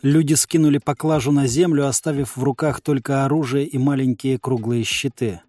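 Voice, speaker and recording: A man's voice: mid-range voice, steady tone, brisk, mellow, no echo, soft background music. Man narrating a fantasy audiobook. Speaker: audiobook reader. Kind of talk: first-person audiobook narration.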